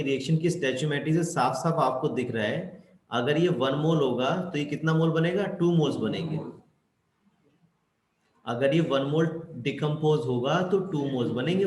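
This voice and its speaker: Higher-voiced male chemistry teacher, echoey room. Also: moderate pace, a little hiss or hum. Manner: asks students questions and answers them himself; mixes English terms into Hindi. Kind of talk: explanatory lesson. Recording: echoey room with faint ambience.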